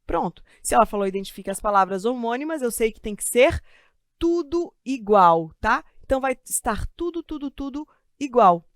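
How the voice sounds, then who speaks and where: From a studio lined with computers on a desk, a Brazilian woman with a slightly high voice leads a live online grammar lesson for Portuguese exam prep. She's lively, full of chatty asides and self-deprecating humor, drawing out important words slowly to stress them. There's no room sound.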